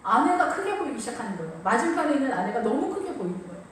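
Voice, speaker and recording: A woman preacher giving a lively sermon, repeating phrases and acting out quotes, recorded from a distance in an echoey church with faint ambience. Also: high-pitched, racing, slight background noise.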